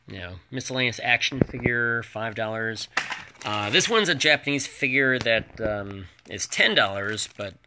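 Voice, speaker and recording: A man presenting items as a home shopping host in a casual, unscripted, rambling and hesitant way. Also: background noise. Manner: rambling, hesitant item-by-item pitch with prices.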